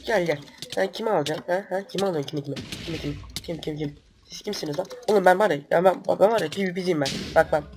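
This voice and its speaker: A man with a cold and a stuffy nose, hosting excitable gameplay commentary, swearing and breaking into loud outbursts. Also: high voice, fast talker, few pauses, background noise. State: sick with a stuffy nose and cough. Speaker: gaming channel host.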